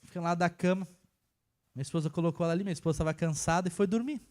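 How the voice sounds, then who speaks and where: A young man from preaching a casual sermon, telling a personal story and swinging between hushed and emphatic delivery. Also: a little high, rapid-fire. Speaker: church worker preaching.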